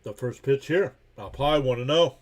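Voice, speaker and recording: A man streaming a live game reaction, calling each pitch and count in casual play-by-play while greeting viewers and reading their chat messages aloud. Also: moderate pace. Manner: chatty and laid-back, greets viewers by name.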